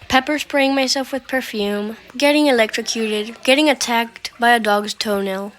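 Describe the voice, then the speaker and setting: A young woman narrates funny childhood mishaps in a slightly high voice. She is animated and self-mocking, and she acts out the quoted lines as she goes. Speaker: storytelling animator. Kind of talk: comedic storytime narration.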